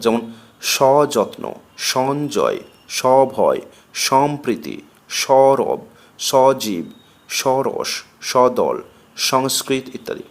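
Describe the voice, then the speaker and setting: A man with a Bengali accent reads a grammar lesson aloud in a measured classroom delivery. He dictates questions and rules at a slow, deliberate pace and repeats each example word. His voice sits at an ordinary middle pitch. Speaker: teacher.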